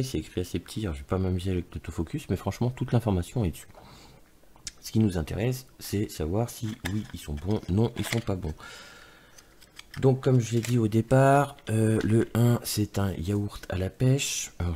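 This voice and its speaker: A man's voice: lowish voice, expressive, fairly quick, mellow, a little hiss or hum. A man casually reviewing products on his vlog, talking loosely with many fillers and some crude asides, recorded on his camera's mic while he handles the items. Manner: rambling, full of "euh" and "voilà" fillers; informal, mildly crude asides.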